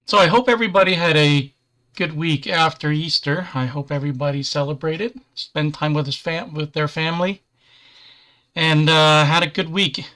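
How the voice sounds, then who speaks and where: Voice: medium pitch, normal speed, a bit bright. A host chatting casually on a livestream while building a model kit, easygoing, with dry self-deprecating humor.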